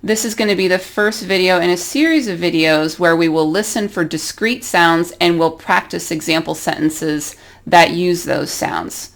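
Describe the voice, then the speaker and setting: A woman's voice: fairly low pitch, normal speed, creaky. A woman with an American accent teaching an English pronunciation lesson, carefully demonstrating each vowel sound.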